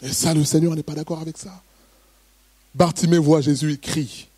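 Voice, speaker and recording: A man delivering a sermon in a fairly high voice. He reads scripture in an even tone, then preaches with emphatic, rising outbursts. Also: moderate pace, slightly rough, no room sound. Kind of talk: sermon with Bible reading.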